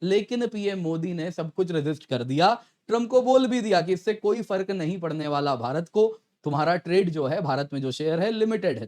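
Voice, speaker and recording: This fairly high, somewhat mellow male voice belongs to a current-affairs presenter with a teacher's approach. Addressing his audience directly, he poses rhetorical questions in a relaxed, explanatory news commentary.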